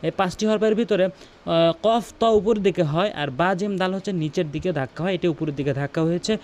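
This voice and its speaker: A man with a high voice teaches Quran pronunciation step by step. He repeats words slowly, contrasting the wrong way with the right one, and breaks into drawn-out melodic recitation for his demonstrations. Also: a little mellow. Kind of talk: tajweed lesson with demonstrations.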